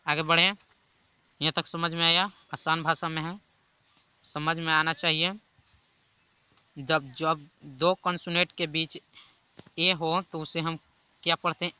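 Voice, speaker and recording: Brief: Bihari man, English teacher, slow deliberate delivery, crisp clear voice, dry slightly dull recording. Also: a little high, bright, forceful tone, no echo. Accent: Bihari Hindi. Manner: slow, repeats rules and checks understanding. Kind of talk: spoken English lesson.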